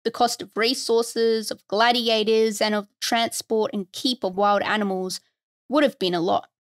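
A woman with a fairly high voice reads a scripted history narration for her podcast. She keeps it conversational and slips in wry asides. The sound is dry and close, with no room around it. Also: fairly even intonation, measured pace, no echo. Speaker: podcast host.

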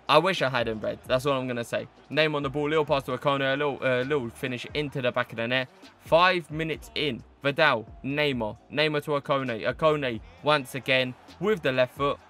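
A man's voice: mid-range voice, sharp tone. A man in his twenties giving casual gameplay commentary in a chatty, slangy way, with stock phrases he repeats. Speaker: gaming video host.

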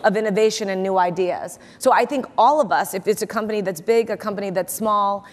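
Speaking fairly quickly at a medium pitch, an investor in her forties answers questions in an onstage interview as a keynote guest. She's confident and repeats words for emphasis, captured on a lapel mic with long reverb from the big conference hall.

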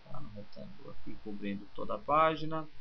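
A man's voice: medium pitch, fairly quick, vocal fry. Man talking through a screencast. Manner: relaxed, talks through each click step by step. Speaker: software instructor. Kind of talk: screencast tutorial. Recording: slightly muffled with faint hiss.

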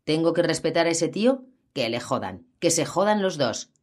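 A woman's voice: low voice, very animated, moderate pace, a little mellow, pitched above the performer's own voice. A woman reading the part of a hotheaded teenage boy who blusters and whimpers. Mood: ranting. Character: hotheaded teenage Irish-American boy, frightened.

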